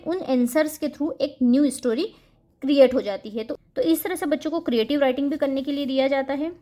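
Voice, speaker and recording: A woman hosting a home-schooling channel, explaining a first-grade English syllabus to parents and reading example sentences out slowly. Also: high-pitched, dark tone. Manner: mixes Hindi with English words, reads example sentences slowly.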